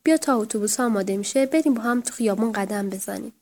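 Woman reading as a fond teasing husband, young father, gentle playful lines, audiobook, mellow raised voice. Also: on the high side, natural voice. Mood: teasing fondly. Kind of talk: audiobook narration.

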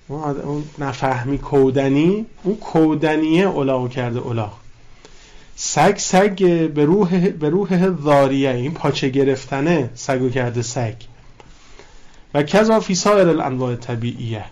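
A man teaching a classroom lesson on a philosophy text, reading Arabic lines and explaining them, stressing his points with repetition. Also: a little high. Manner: reads out Arabic lines, then explains them in colloquial Persian; animated, stressing key words with repetition. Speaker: religious teacher.

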